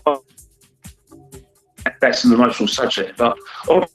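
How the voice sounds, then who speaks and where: Guy phoning in, line keeps cutting out, sounds far off, rambly and full of ums, average pitch, faint music behind. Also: huge pitch swings, unhurried, vocal fry, a bit bright. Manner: rambling, hesitant, many fillers. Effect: choppy call line dropping out. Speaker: call-in football pundit. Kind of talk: casual chat.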